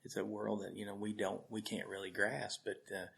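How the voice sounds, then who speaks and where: A man from Arkansas, a guest who volunteers with a food charity, tells heartfelt, rambling stories in conversation, often repeating his words. His voice is fairly low, level, brisk and gravelly, with a fairly bright tone.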